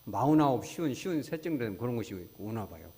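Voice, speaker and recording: A male pastor delivers a Sunday sermon, his voice rising and falling with lively swings in pitch. He tells stories and acts out the back-and-forth of conversations. The sound carries a long echo from a church sanctuary. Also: fast talker. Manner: storytelling with acted-out dialogue, lively and conversational. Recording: church hall with long reverb.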